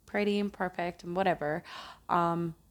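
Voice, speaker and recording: A woman's voice: fairly low pitch, steady tone, moderate pace. A woman hosting a casual solo podcast, talking in a reflective, earnest way and correcting herself as she goes. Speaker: podcast host.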